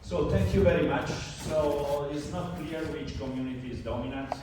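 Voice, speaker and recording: A man's voice: on the high side, moderate pace. Male professor, loose classroom delivery, distant roomy mic. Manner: informal, repeats words while teaching. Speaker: university lecturer. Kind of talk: classroom lecture. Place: university classroom. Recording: echoey classroom from far off with noise.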